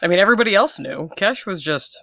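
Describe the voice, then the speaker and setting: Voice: medium pitch, expressive, quick pace, creaky, sharp tone, no echo. Dry-voiced player making wry remarks. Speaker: tabletop game player. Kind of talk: casual podcast banter.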